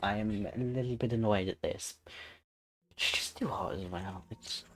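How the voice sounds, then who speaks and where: A man's voice: on the low side, moderate pace, fairly bright tone, slight background noise. A man streaming a game, muttering to himself in frustration as he plays. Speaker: gaming streamer. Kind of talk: casual live-stream commentary while playing.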